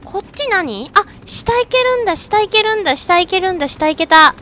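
A woman streaming a game with excitable let's-play commentary, shrieking and chatting with self-mocking asides. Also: very high-pitched, brisk, background noise.

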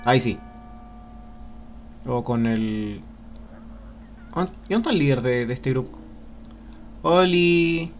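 A man commenting excitedly on a video game as he plays, often whooping and cheering, and reading the on-screen game text aloud. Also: medium pitch, takes it slowly, pauses often, a little hiss or hum. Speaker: let's play gamer.

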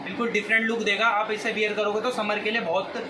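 A man, giving an eager, repetitive teleshopping-style sales pitch to camera. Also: level tone, fast. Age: 20s. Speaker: clothing shop presenter. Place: small indoor clothing shop. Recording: clear background noise, shop ambience.

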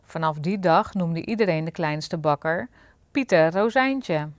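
A woman reading a fairy tale aloud as a storyteller, in a clear, lively narrating manner. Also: on the low side, unhurried, no room sound.

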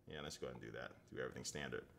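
A bass-voiced man with vocal fry and a slightly bright sound speaks rapid-fire. He's a tech reviewer in his thirties, hosting a casual phone unboxing live stream from his home studio desk, chatting with viewers and reading their comments aloud.

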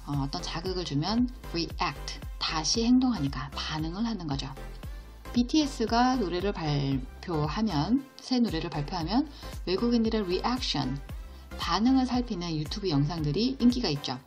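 A woman teaching an English vocabulary lesson, explaining each word slowly and patiently and asking her students questions along the way. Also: fairly low pitch, lively intonation, a little mellow, soft background music. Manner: slow, patient explanation with question-and-answer prompts.

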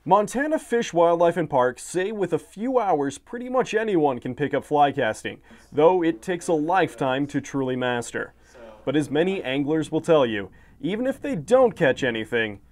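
A young man narrating a local TV news report in a measured, even scripted delivery. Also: fairly high pitch. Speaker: field reporter.

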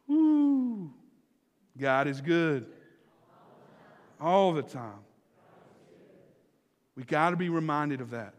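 A man's voice: on the high side, highs cut off. Reverberant man preaching a memorial sermon. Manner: swings from loud exclamations to hushed, slow emphasis; preaching with direct questions to the congregation. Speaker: pastor. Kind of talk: memorial service sermon and prayer. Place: church sanctuary.

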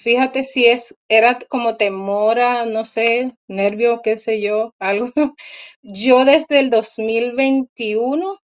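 A Cuban woman in her thirties joins a video call from a small indoor room, heard through a laptop or phone camera. Speaking slowly with a fairly high pitch and fairly even intonation, she cheerfully chats about her experience, laughing often and trailing off with fillers.

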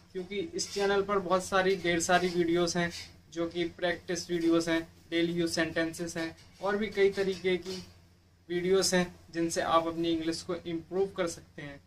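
A man's voice: high-pitched, slight background noise. A man hosting a casual online English lesson, explaining in a plain, repetitive way. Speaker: English teacher, channel host.

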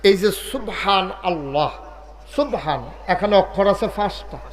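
A man with a fairly high voice preaches in an over a loudspeaker at a large open-air gathering. He jokes with the crowd, scolds the sound man, and draws key lines out into a slow chant. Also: animated. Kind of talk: village sermon with crowd call-and-response. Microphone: handheld mic through PA.

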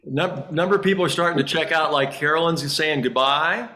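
A man's voice: on the high side, brisk, bright, forceful tone. A man in his sixties hosting a video call class reunion, keeping the conversation moving and checking on who is there. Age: 60s. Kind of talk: casual video call chat.

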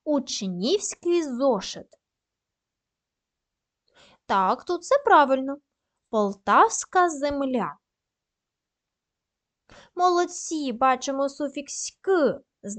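Female primary teacher, high animated voice, unhurried dictation with plenty of praise. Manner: slow, careful dictation with frequent praise. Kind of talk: recorded lesson for young pupils.

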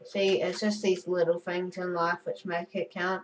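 A woman's voice: fairly low pitch, completely flat delivery, normal speed, distant mic, slight background noise, rough recording. A woman giving chatty, goofy commentary while playing a game, cursing and giggling at her own jokes. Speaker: gamer. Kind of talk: casual gameplay commentary.

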